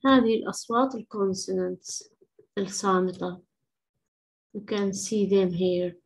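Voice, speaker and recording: Slow-spoken teacher, a husky-voiced woman. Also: mid-range voice, steady tone, poor audio. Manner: switches between Arabic and English, slow deliberate spelling. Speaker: English teacher. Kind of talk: classroom lesson explaining phonics.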